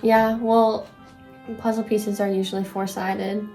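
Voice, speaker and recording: A woman's voice: medium pitch, little pitch movement, unhurried, dark tone, soft background music. A young woman in casual chat, asking questions and teasing in a dry way. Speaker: co-host.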